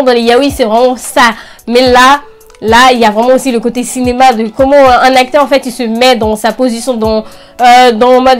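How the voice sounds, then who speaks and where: Chatty, enthusiastic young woman, higher-pitched voice. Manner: chatty, enthusiastic anime fan; informal youth slang. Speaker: anime review channel host. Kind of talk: casual video recommendations to camera.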